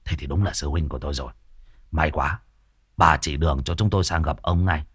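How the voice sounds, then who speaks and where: A man voicing a stern middle-aged male exorcist who speaks low and clipped. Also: a little fast, fairly bright tone, slightly rough, no echo, studio quality, exaggerated voice. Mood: grave.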